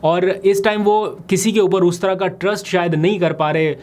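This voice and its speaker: A man's voice: high voice, steady tone, a little mellow. Man giving political analysis. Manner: brisk, explanatory, analytical. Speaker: political vlogger. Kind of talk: political commentary vlog.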